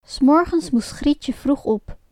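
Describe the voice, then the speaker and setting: Woman storyteller with a fairly high voice, reading a fairy tale aloud, lively and expressive. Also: a little slow, dry recording, studio quality. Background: faint music.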